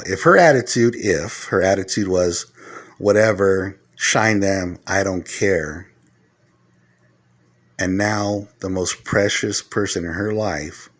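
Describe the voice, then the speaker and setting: A middle-aged man talking casually to the camera, giving earnest advice point by point and growing loud and heated as he retells arguments. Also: deep voice. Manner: earnest, lecturing, numbers his points. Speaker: vlogger giving life advice.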